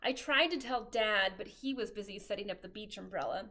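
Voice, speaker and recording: A woman leading a children's storytime, reading a picture book aloud in a cheerful, animated way. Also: medium pitch, fairly quick, slight background noise. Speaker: children's librarian.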